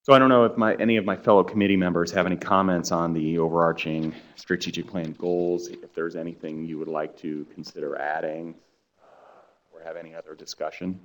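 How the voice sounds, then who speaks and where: A man's voice: low-pitched, level tone, a little fast. A man chairing a committee meeting, politely asking for comments and clarifications. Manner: polite, procedural.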